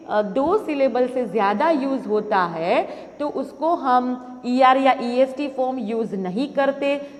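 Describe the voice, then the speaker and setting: Woman, young teacher, high voice, unhurried, patient with children, reverberant room. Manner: patient, explains step by step to children, addresses them as kids. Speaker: primary school English teacher. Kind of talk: recorded video lesson in Hindi-English mix. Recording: long reverberant room sound.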